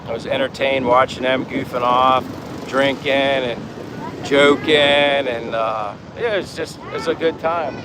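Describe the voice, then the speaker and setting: A man's voice: mid-range voice, fairly even intonation, measured pace. A man chatting casually and meandering through an informal livestream, reading out viewer comments. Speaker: livestream vlogger. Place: outdoors in the Philippines, in daytime. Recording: noisy outdoor ambience with wind, vehicles. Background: wind, vehicle and outdoor ambience noise.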